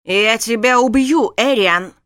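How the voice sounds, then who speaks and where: A woman's voice: medium pitch, lively intonation, normal speed, fairly bright tone, clear, resonant tone, no room sound, clean studio sound, natural voice. A woman voicing a stern young prince who threatens and commands. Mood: furious. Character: angry royal prince, stern young husband.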